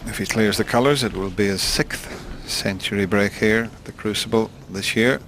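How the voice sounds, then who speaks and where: Male snooker commentator, hushed and measured, lowish pitch, noisy arena broadcast. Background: snooker arena audience.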